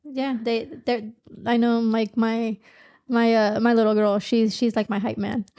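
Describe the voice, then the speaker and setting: A woman in her thirties with a fairly high voice co-hosts a podcast in a relaxed, animated chat. She laughs often and drops a casual curse now and then. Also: unhurried. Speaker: podcast co-host.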